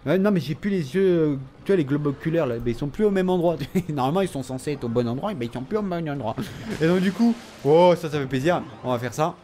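A tired man casually commenting on his own game, excitable and talking to himself and his opponent. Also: fairly high pitch, fast, a little hiss or hum. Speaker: gaming video host.

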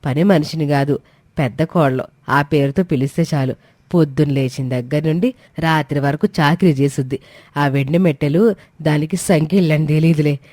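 A woman playing a scheming mother-in-law, low and mellow. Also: moderate pace, no room sound. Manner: scornful, commanding. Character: scheming, domineering middle-aged mother-in-law. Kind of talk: Telugu audio drama acting.

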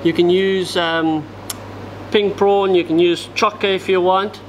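A man's voice: high voice, steady tone, unhurried, a little hiss or hum, poor audio. A man, giving a step-by-step fishing knot tutorial at a table in a tackle shop, talking as he works with his hands. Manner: step-by-step, talks while working with his hands.

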